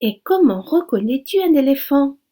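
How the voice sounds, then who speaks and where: A woman's voice: high-pitched, sing-song, normal speed, dark tone, pitched above the performer's own voice. A woman voicing an eager, chatty young female frog in a storybook reading. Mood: puzzled.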